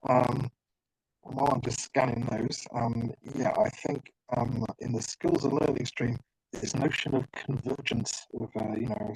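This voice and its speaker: A man's voice: mid-range voice, gravelly, a little mellow, no room sound, rough recording. A man moderating a question session on a video call, friendly and hesitant with many fillers. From United Kingdom. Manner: hesitant, fills pauses, friendly.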